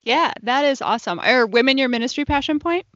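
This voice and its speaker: A woman's voice: high-pitched, expressive, a little fast, a bit bright, no room sound. A woman hosting a podcast, enthusiastic and affirming, chatting casually with her guest. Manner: enthusiastic, affirming with frequent "mm-hmm". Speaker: podcast host. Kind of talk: casual interview chat. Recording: dry, slightly lo-fi podcast audio.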